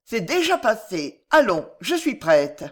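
Reader doing a young female singer, distraught, tearful, high-pitched. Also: big pitch swings, slow. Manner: pleading, tearful, then furious.

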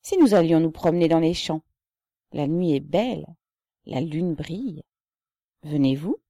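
A cheerful young man who jokes and teases his friends, as a woman reader puts him on. His voice sits low and warm, and he speaks unhurried in a dry, close storybook reading. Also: no echo, heavily acted. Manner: lively, joking. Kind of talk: audiobook character voice.

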